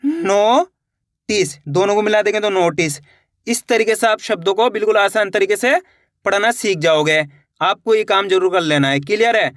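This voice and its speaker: A man teaching beginners to read, sounding out words slowly syllable by syllable and answering his own questions. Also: sits high, a bit bright, no echo, studio quality. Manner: slow, patient syllable-by-syllable sounding out; asks the viewer questions and answers them himself. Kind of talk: reading lesson for beginners.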